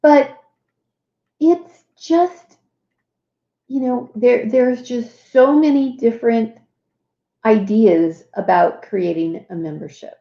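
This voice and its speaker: A woman's voice: fairly high pitch, slow pace, long pauses, echoey room, lo-fi sound. A woman hosting a casual livestream walkthrough, chatting with many fillers and asides. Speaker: host.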